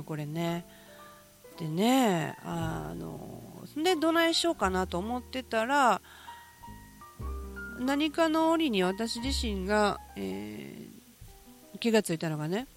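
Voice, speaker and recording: A woman with a Kansai accent talking alone in a casual morning show, musing and poking fun at herself with drawn-out fillers. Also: fairly low pitch. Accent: Kansai Japanese. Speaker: podcast host. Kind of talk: casual solo morning talk.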